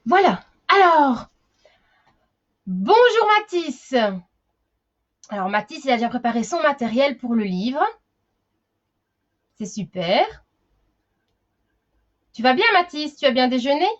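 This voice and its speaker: A woman's voice: a little high, expressive, moderate pace, long pauses, dull audio. A woman teaching a live online class for young children, chatty, greeting each child by name.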